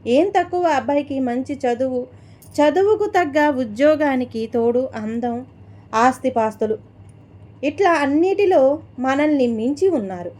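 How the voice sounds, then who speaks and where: In this audio storybook, a proud, furious middle-aged mother shouts down her daughter, as a woman narrator puts her on. The voice is high and mellow, and the scolding comes hard and fast. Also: expressive. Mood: angry scolding.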